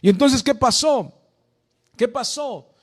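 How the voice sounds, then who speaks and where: High-voiced fervent male preacher. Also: animated, takes it slowly, breathy edge. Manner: fervent, repetitive exhortation that builds to loud emphasis. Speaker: pastor. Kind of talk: sermon.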